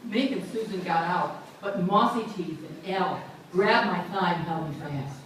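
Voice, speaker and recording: A woman reading a memoir aloud at a book launch event, with lively, amused storytelling. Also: lowish voice, normal speed, a little hiss or hum. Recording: echoey room, far from mic.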